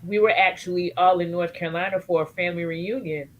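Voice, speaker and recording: A woman's voice: on the low side, steady tone, fast talker, highs cut off, a little hiss or hum. A woman guest speaking candidly and emotionally about supporting family, earthy and joking in turns. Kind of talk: candid personal storytelling.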